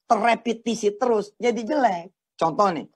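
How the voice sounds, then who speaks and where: A man's voice: sits high, moderate pace, husky. A man, a preacher giving a casual, joking religious talk in slangy speech.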